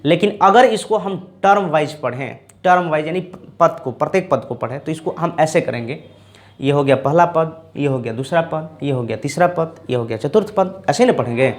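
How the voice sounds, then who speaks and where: A male math teacher giving a board lesson, repeating each term slowly and checking in with his students. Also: a little high, lively intonation. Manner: repeats terms slowly, checks in with "ठीक ना" and "दोस्तों".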